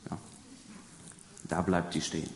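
Low-voiced male preacher in echoing hall. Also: expressive, normal speed, slight background noise. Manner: conversational, addresses congregation with questions; drops to soft, quiet emphasis on key words. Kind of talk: sermon. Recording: echoey hall with long reverb.

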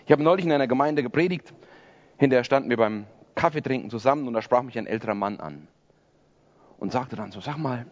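A man's voice: medium pitch, fast, dull audio. A man in his forties preaching a sermon to a congregation, conversational and self-deprecating. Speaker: pastor. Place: church service before a congregation.

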